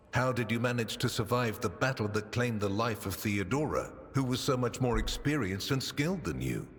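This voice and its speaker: A man's voice: mid-range voice, lightly acted. Male actor as cold, pious, accusing game inquisitor: insinuating, widely varied intonation, long reverb on the voice. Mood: probing, accusing. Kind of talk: video game voice acting. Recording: long reverb, music behind.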